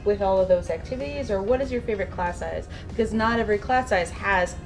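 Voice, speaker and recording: A woman in her thirties asking upbeat questions as interviewer in a bright cruise ship lounge. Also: mid-range voice, quick pace, over music. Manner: upbeat, affirming. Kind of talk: casual interview.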